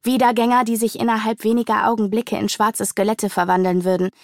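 A woman narrates a fantasy novel with vivid, dramatic storytelling. Her voice sits at a middle pitch for a woman. The recording is dry and close, with no room sound. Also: level tone, a little fast, no room sound. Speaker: audiobook narrator.

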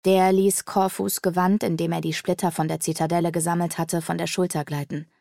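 A woman narrating an audiobook in steady, clear storytelling. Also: lowish voice, a little fast, no echo, studio quality.

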